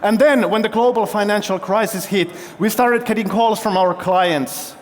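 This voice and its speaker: Male CEO, fairly high voice, keynote storytelling with audience questions, long hall echo. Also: normal speed. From Finland. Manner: engaging, quizzes the audience with show-of-hands questions. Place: large festival hall stage.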